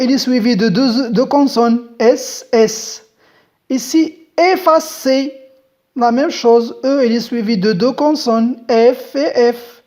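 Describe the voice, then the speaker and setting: Woman, French grammar teacher, slow and deliberate, slightly high voice, spells out letters. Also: a little mellow. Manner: patient, addresses viewers directly.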